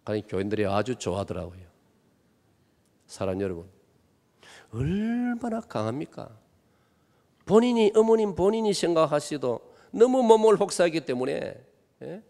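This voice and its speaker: In a church sanctuary heavy with long reverb, a Gyeongsang-accented guest pastor from Gimhae, South Korea, delivers a revival sermon. He is emphatic and poses rhetorical questions to the congregation. His voice is fairly high, sing-song, and dark, at normal speed.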